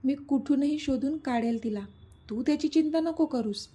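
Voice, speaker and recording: A woman's voice: high-pitched, moderate pace, natural voice. Woman reading as an angry young man. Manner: angry, forceful. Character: angry desperate young man searching for his sister.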